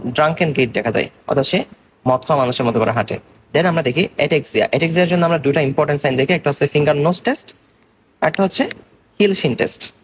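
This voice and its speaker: A young man from Bangladesh teaches an exam-focused medical lesson. His voice sits a little high and has a husky edge. He explains step by step and keeps checking that his students are following. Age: young adult. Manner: explains slowly in mixed Bengali and English terms, checking understanding. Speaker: medical lecturer.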